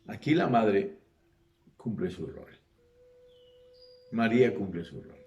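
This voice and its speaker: A man's voice: on the low side, slow, roomy sound, lo-fi sound, faint music behind. A man preaching a sermon with rhetorical questions, acting out the people he talks about. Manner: animated, acts out voices, rhetorical questions.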